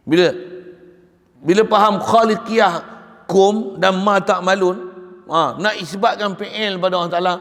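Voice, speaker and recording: A man with a Malaysian Malay accent giving a morning religious lecture, talking in a conversational, animated way with storytelling asides. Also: high voice, measured pace. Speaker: religious teacher. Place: mosque or religious school hall. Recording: long hall reverb.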